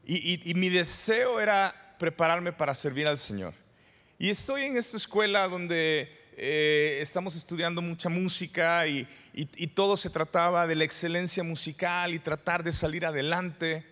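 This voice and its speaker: A man's voice: a little high, moderate pace, bright, forceful tone. A man in his forties from El Salvador, preaching a sermon as pastor, conversational, with rhetorical questions and repeated phrases. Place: church sanctuary. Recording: reverberant church hall.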